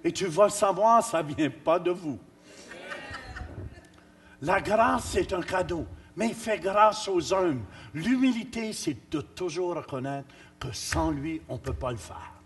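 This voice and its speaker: Male pastor, husky and high, emphatic preacher who teases the congregation. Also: animated, takes it slowly. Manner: emphatic, teasing, rising to shouts. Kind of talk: sermon. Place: church.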